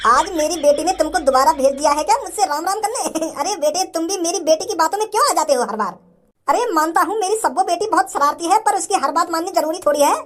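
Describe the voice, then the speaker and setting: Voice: extremely high pitch, expressive, fast talker, a bit bright, a little hiss or hum. A performer voicing a short-tempered village father in a cartoon, mocking and bossy, with a threatening streak. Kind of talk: cartoon voice acting.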